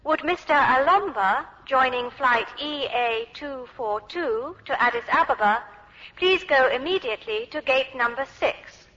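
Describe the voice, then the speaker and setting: Formal adult airport announcer, measured delivery, long echo, muffled course recording. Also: female voice, sits high, pushed and bright. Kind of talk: scripted public address announcements. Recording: muffled echoey hall.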